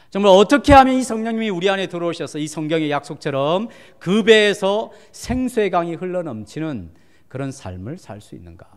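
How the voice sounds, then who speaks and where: A man pastor preaching a Sunday sermon, asking the congregation questions and swinging from loud exhortation to hushed near-whispers. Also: a little high. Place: church sanctuary. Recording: long church hall reverb.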